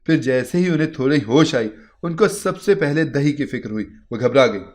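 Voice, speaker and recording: A man reading a first-person moral story in a steady, earnest narration. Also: fairly high pitch.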